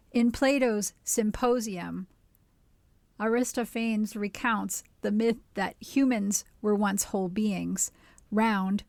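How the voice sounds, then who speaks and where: Woman, newspaper reader, measured even delivery, middle pitch, dry close sound. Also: no echo. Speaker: volunteer reader for a radio reading service. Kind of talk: reading newspaper columns aloud.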